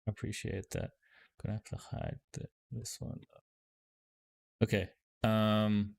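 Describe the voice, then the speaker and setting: A man hosting a livestream over a headset mic, chatting casually and loosely with lots of fillers as he greets viewers and tests software. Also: on the low side, flat delivery, takes it slowly, vocal fry. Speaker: livestream host. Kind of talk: casual livestream chat while testing software.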